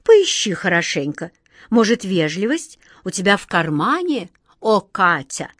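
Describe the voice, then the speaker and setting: A woman's voice: mid-range voice, very animated, measured pace, dry recording, clean studio sound. A woman voicing a big, dutiful and anxious male genie who speaks solemnly. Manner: solemn, formal, worried.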